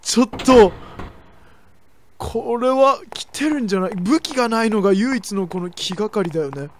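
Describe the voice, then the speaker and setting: A young woman streamer chatting excitedly through a horror game, with sudden shrieks. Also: mid-range voice, normal speed, slight background noise. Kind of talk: let's play commentary.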